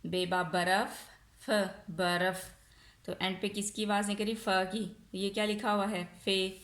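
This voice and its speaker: A woman with a Pakistani accent teaches a nursery class in a recorded lesson. She asks simple questions and answers them herself, drawing out each word slowly. Her voice sits at a medium pitch and carries a noticeable room echo. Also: level tone, fairly bright tone. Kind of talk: recorded online lesson for young children. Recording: echoey room.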